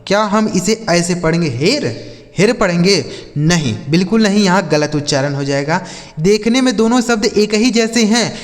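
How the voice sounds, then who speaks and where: A man's voice: sits high, big-room sound. A man teaching English pronunciation in Hindi, patiently going step by step and asking himself questions that he then answers. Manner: repeats rhetorical questions and answers them himself; addresses viewers as friends, patient step-by-step explaining. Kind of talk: Hindi-language pronunciation lesson.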